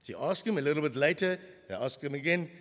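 A man preaching a sermon, animated, with many rhetorical questions to the congregation. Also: fairly high pitch, fast talker, in a large hall.

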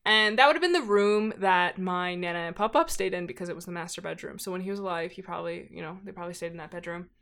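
A young woman chats casually as a podcast guest, telling stories and peppering her sentences with "like." Her voice is fairly low, a bit bright and smooth, and she talks quickly with hardly any pauses.

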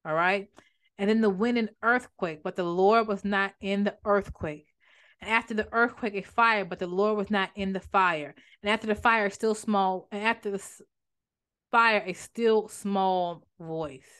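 A woman hosting a podcast, giving a faith-based motivational talk, speaking fast and animated, often repeating and restarting phrases. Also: mid-range voice, clean tone. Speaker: podcast host and author.

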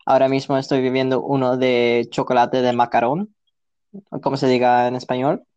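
A man's voice: medium pitch, flat delivery, normal speed, a little mellow, clean tone, lo-fi sound. A man who is a podcast guest, talking in a laid-back, joking way in a casual interview.

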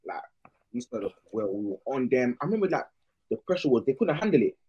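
A man's voice: medium pitch, very animated, fast, husky, highs cut off. A young man with a London accent giving casual, slangy football analysis as a podcast panellist.

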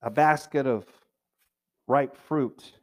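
A man's voice: mid-range voice, slow pace. A middle-aged man preaching a sermon as pastor, in a conversational way, now and then mimicking complainers in a raised whiny voice.

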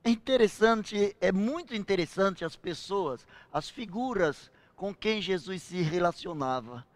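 High-voiced older preacher. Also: male voice, animated. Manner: emphatic preaching, slows and swells on key phrases. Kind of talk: sermon.

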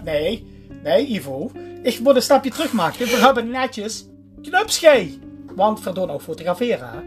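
A man with a Limburgish Dutch accent co-hosting a podcast in casual chat, often searching for words. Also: high-pitched. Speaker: podcast host.

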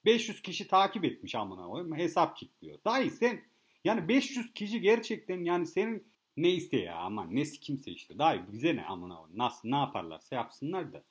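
A man's voice: on the high side, sing-song, normal speed. A man telling a rambling, boastful comic story straight to his listeners, swearing freely and repeating himself as he goes. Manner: boastful, profane, rambling, addresses listeners as kids. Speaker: comedic monologue host. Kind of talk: casual rambling comic rant.

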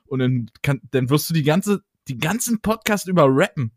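A man's voice: fairly high pitch, lively intonation, moderate pace, no echo, studio quality. A man co-hosting a casual podcast, teasing his partner and laughing easily. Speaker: podcast co-host.

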